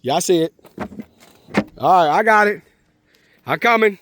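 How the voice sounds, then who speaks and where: A father and vlogger speaks to his young child outdoors at a park, his high voice lively at a normal pace amid background noise. He's casual and encouraging, calling the child "man" and "bud."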